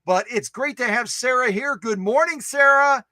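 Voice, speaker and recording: On his sewing machine restoration channel's livestream, the host banters with viewers, reading their comments aloud, responding playfully, and repeating himself a lot. He speaks at a normal speed in a very high, sharp-toned voice without echo.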